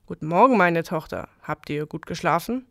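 A woman's voice: fairly low pitch, animated, moderate pace, vocal fry, no echo, studio quality. A woman voicing a stern medieval Frankish prince who gives his daughter firm commands, in an audio legend reading. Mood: cordial.

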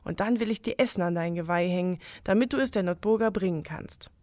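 A woman voicing a loyal, kindly male servant of a medieval castle, speaking gently, in an audio legend reading. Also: on the low side, brisk, dry recording, clean studio sound, natural voice. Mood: solemn.

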